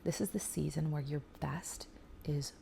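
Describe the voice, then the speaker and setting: A young woman talks to the camera in a low, gravelly voice. Her tone is mellow and unhurried as she chats earnestly with other new mothers. She slips now and then into soft, breathy asides, with a faint hiss of room noise behind her. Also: steady tone. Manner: chatty and earnest, many fillers, drops to soft breathy asides. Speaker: faith vlogger talking to new mothers. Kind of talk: casual heartfelt storytelling to camera.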